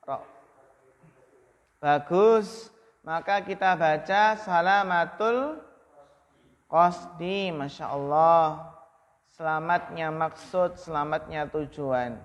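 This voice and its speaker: Slow, high-voiced Indonesian male teacher. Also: long reverb tail. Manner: slow, drawn-out recitation of Arabic phrases, then quick Indonesian questions. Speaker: Arabic grammar teacher. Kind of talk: classroom lesson, calling on students.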